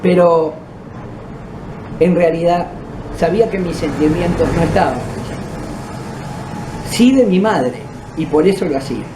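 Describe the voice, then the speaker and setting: A man's voice: on the high side, unhurried, long pauses. A man with a Uruguayan accent, the host of a podcast, telling his own paranormal experiences in a conversational way. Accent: Uruguayan Spanish. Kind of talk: first-person storytelling of paranormal experiences. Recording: echoey room with background noise.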